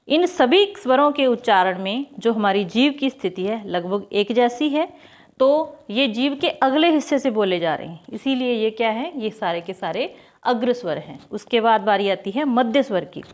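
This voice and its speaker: A woman teacher giving an online Hindi grammar lesson, asking and answering her own questions and saying vowel sounds aloud as examples. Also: fairly high pitch.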